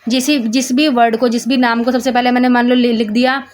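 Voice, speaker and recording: A young woman teaching a casual lesson, reading English notes slowly and then explaining each point quickly in Hindi. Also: a little high, level tone. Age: young adult. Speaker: law student teaching.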